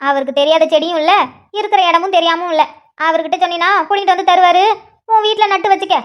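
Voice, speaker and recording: Woman doing a shrill nagging village mom, cartoon. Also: steady tone, fast. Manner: nagging, preachy. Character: scolding village mother of a grown daughter.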